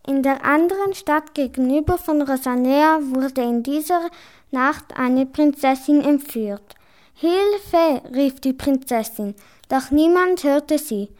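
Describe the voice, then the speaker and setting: A woman reading a homemade story aloud in chapters, slow and unpolished, now and then improvising. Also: sits high, a little mellow.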